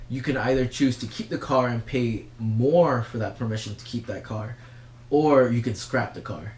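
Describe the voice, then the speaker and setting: A man from Singapore, co-hosting a casual chat and explaining things at length in halting bursts full of fillers and restarts. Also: medium pitch, darkish tone, echoey room. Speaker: podcast co-host.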